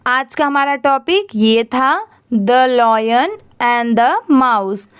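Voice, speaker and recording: Indian woman as reading teacher: high, smooth voice, unhurried letter-by-letter spelling, quizzes then answers herself. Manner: spells words letter by letter, then asks and answers how to pronounce them. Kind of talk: slow spelling-out reading lesson.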